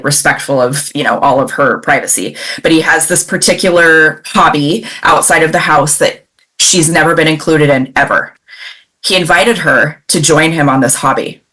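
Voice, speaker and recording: A woman from the Pacific Northwest, a parenting coach telling a client story in a lively, conversational way, acting out quoted dialogue. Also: low voice. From Pacific Northwest, USA. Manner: animated, acts out quoted dialogue, many fillers.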